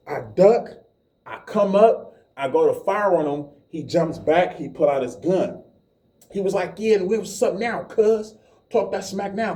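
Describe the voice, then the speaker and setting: A man's voice: warm tone, far from the mic. A man telling his testimony as a vivid street story, playing out each exchange. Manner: vivid street storytelling, acting out quotes in a higher voice. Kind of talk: animated spoken testimony.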